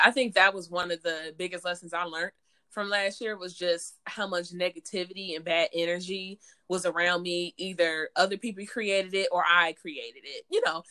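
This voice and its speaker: A woman in her late twenties co-hosting a podcast in casual chat, frank and quick to laugh. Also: fairly low pitch, pushed and bright. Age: late 20s. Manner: chatty, laughs often, frank. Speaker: podcast co-host.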